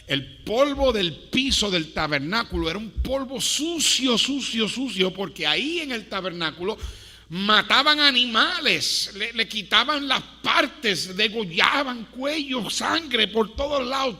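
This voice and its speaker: Long reverb from the hall surrounds a high-pitched man delivering a sermon to a congregation. He shifts dramatically from quiet to loud and throws in playful remarks to the crowd.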